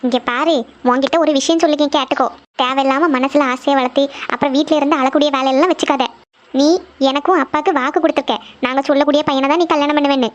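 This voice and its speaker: A woman's voice: sits high, fairly even intonation, quick pace, lo-fi sound, lightly acted. A woman voicing a strict middle-aged mother, scolding and lecturing her daughter.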